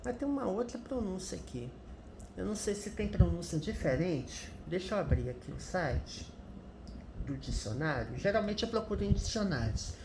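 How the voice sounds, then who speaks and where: A woman's voice: on the low side, very animated, moderate pace, background noise. A woman, an English teacher patiently explaining a news article word by word. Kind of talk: commented reading of a news article. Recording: echoey room.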